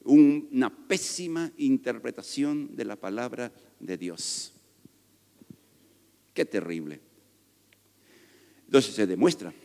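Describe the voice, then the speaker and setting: A man delivers a sermon, moving between emphatic teaching and loose, joking asides to his congregation. His voice sits at an ordinary middle pitch. The long reverb of a church sanctuary trails after each phrase. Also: takes it slowly, vocal fry, pauses often, dark tone. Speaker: pastor.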